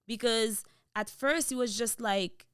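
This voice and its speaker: Unhurried and clean-toned, a young Haitian woman with a Haitian Creole accent relaxes into storytelling during a casual podcast interview, switching to Creole mid-sentence. A boom-mounted studio mic picks her up with no room sound.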